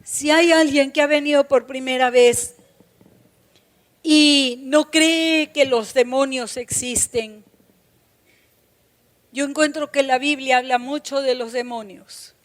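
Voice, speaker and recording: Very high-pitched, slow-preaching woman pastor. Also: fairly even intonation. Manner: emphatic, repeats key phrases, addresses the congregation directly. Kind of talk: Pentecostal-style sermon.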